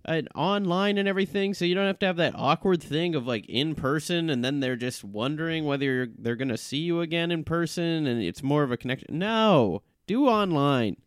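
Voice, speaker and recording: A man's voice: a little high, a little fast, few pauses, clear, resonant tone, dry recording, studio quality. A man chatting casually and jokingly through a podcast ad. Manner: rambling, jokey. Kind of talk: casual ad chat.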